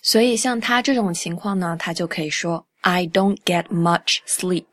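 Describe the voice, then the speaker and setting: A young woman hosting a podcast English lesson in a chatty way, repeating English phrases slowly and clearly. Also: on the low side, a bit bright, no echo. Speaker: English teacher and podcast host.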